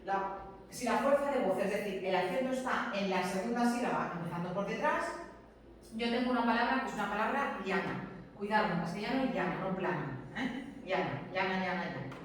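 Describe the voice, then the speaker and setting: A woman's voice: medium pitch, fairly quick, slight background noise. A woman teacher lecturing a class, explaining step by step, repeating her points and asking the students questions. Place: large echoey classroom. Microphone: distant camera mic. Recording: echoey classroom from far off.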